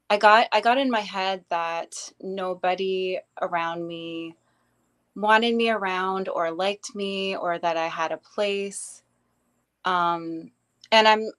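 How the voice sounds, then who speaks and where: A woman's voice: lowish voice, fairly bright tone, smooth. Hesitant woman telling her life story. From grew up in Bangladesh, later Canada. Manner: hesitant, many ums and restarts. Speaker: interview guest. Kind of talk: casual personal storytelling.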